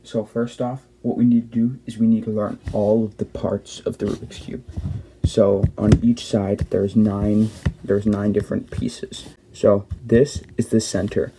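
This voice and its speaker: A man's voice: fairly low pitch, flat delivery, a little slow, dark tone, slight background noise. A young man hosting a casual step-by-step tutorial, explaining plainly and often correcting himself mid-sentence. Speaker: cube tutorial host.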